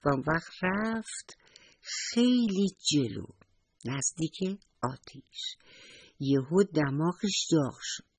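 A woman telling a bedtime story to young children in a sweet, affectionate, slow sing-song way. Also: sits low, a little mellow, slight background noise.

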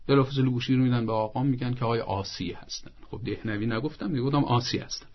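A man of middle pitch gives parenting advice on a talk show, working through his points one by one like a lecture. The audio is dull and lo-fi. He is a father talking about his own children. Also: breathy edge. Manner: didactic, lays out points one by one; acts out parents' lines in a soft coaxing voice. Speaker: parenting expert guest.

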